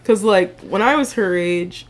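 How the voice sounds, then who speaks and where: A woman's voice: mid-range voice, a little slow. Chatty thirties woman podcaster. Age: 30s. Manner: chatty, laughs often, trailing restarts. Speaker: podcast co-host. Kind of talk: casual chat.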